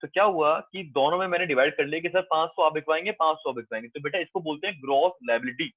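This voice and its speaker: A fast-talking commerce teacher with a slightly high voice lectures a class, coaxing the students and calling them "beta." He reassures them and repeats his points often; the audio is dry and tinny like a phone, with no echo.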